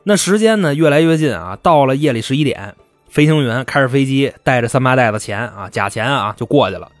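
Lively man spinning a crime yarn. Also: mid-range voice, fairly quick, no room sound, soft background music. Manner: colloquial, salty, acts out the quoted people. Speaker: podcast host. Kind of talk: casual true-crime storytelling.

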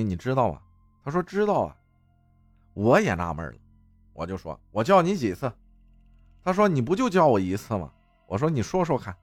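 A man's voice: mid-range voice, dry recording. A man telling a ghost story in the first person, in a conversational storytelling way.

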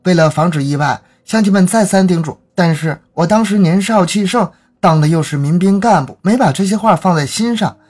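A man's voice: high-pitched, fairly quick, few pauses, a little mellow, voice pushed up. A man voicing a defiant young boy who insists on his past life, speaking indignantly.

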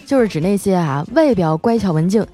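A female host telling comic everyday stories in a chatty, lively way. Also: medium pitch. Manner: lively, chatty, drawn-out particles. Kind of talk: comic storytelling. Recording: faint music bed.

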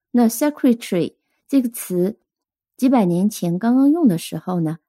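Mellow-voiced woman teaching English words. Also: mid-range voice, dry recording, studio quality. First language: Chinese. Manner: slow, careful spelling and pronunciation drills. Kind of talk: scripted vocabulary lesson.

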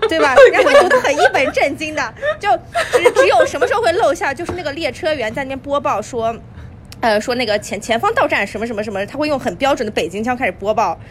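High, animated woman chatting fast. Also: crowd noise. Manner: animated, laughing storyteller. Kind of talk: casual chat.

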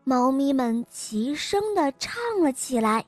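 Slow, high-voiced woman storyteller. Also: no room sound, faint music behind. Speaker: storyteller host. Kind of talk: children's storybook reading.

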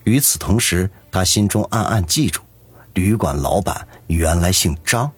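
A man narrating a serialized novel with expressive storytelling. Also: deep voice, unhurried, husky, no echo. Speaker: audiobook narrator.

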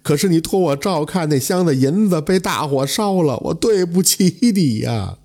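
A kind young scholar wrongly accused, pleading and lamenting with a husky edge, as a male storyteller puts him on. His voice rises and falls a lot. It sounds like an oral folk tale. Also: mid-range voice, sing-song, a little slow, mellow. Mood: tearful.

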